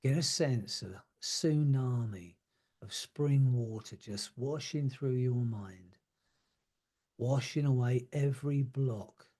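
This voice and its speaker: A man leading a guided hypnosis relaxation, speaking slowly and soothingly and letting his words trail off softly. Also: mid-range voice. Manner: slow, soothing, drawn-out phrasing with soft trailing words.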